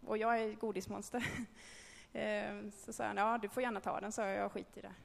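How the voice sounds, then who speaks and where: A woman's voice: medium pitch, little pitch movement, creaky, in a large hall. A woman giving a candid, conversational personal testimony to a group, with frequent hesitations. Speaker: speaker telling a personal faith story.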